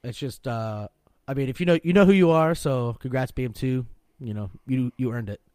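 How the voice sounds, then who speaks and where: A male podcast co-host speaks a little fast in a mid-range voice with a darkish, clean tone, captured in a dry recording. He is laid-back and rambling, swearing freely throughout the casual, profane chat.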